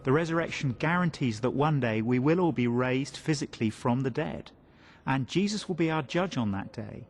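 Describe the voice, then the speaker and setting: A man presenting a scripted Bible teaching talk in an earnest, measured, reflective manner. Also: medium pitch, lively intonation, slight background noise.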